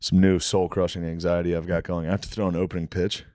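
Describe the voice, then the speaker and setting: Brief: male podcast co-host, low-leaning voice, dry close mic, loose crude banter with lots of laughing. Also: level tone, fast, warm tone, dry recording. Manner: laughs often, quotes others in exaggerated voices.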